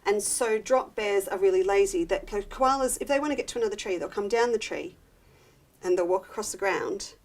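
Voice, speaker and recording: An Australian woman chatting casually on a live craft show, teasing and quick to laugh as she presents quilting fabrics. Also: mid-range voice, a little mellow.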